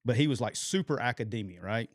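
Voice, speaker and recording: A man, telling a long, animated and profane story as a podcast co-host. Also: mid-range voice, fast talker, no echo, studio quality. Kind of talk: casual storytelling chat.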